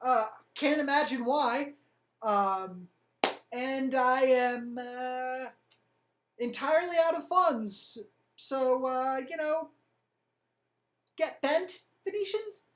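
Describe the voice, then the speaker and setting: Flustered young emperor, male, played by a woman narrator, higher than her own voice, stammering and sarcastic. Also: takes it slowly, long pauses, reverberant. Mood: nervous sarcasm.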